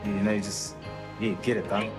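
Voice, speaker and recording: A man's voice: on the low side, flat delivery, moderate pace. A man giving sincere, personal, unscripted testimony. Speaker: documentary participant. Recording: loud music over the voice. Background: loud music.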